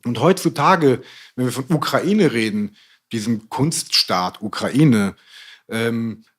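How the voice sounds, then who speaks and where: A man's voice: mid-range voice, animated, takes it slowly. A middle-aged man talking through ideas in a casual podcast discussion, rambling and hesitant, with many fillers. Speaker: podcast guest.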